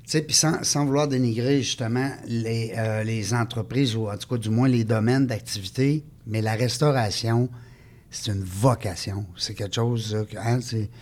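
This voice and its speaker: A man with a Quebec French accent hosting an interview, prodding his guest with quick questions and short interjections. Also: medium pitch, steady tone, darkish tone. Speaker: host. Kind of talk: casual interview.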